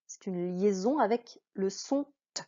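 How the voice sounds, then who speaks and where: A woman's voice: mid-range voice, unhurried, mellow. A woman teaching a reading lesson to children, patient, drawing out each example word. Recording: dull lo-fi sound.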